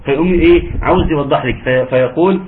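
A fairly high-voiced Egyptian man leads a recitation class, speaking patiently and breaking into long, slow recited phrases. His voice comes through a narrow, phone-like channel with a faint hiss underneath. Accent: Egyptian Arabic. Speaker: Quran recitation teacher. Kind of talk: online tajweed lesson.

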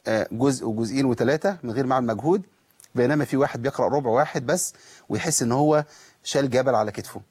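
Egyptian man teaching recitation on a call-in show, brisk talk, dry close studio sound, drawn-out demo words. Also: mid-range voice, darkish tone, husky, no room sound. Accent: Egyptian Arabic. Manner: stretches and repeats words slowly to show pronunciation. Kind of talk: live call-in recitation lesson.

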